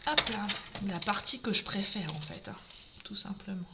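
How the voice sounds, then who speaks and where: A woman's voice: medium pitch, animated, moderate pace, very noisy. A woman giving a live craft demonstration, talking through each step and greeting viewers as she works.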